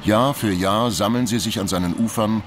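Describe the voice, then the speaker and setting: A man reading scripted nature documentary narration in a measured, factual storytelling manner. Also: fairly low pitch, noisy background.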